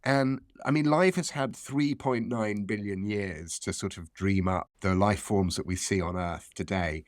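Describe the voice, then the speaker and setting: A man speaking as an expert professor, explaining science conversationally in a measured way and repeating phrases for emphasis. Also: lowish voice, no echo, clean studio sound.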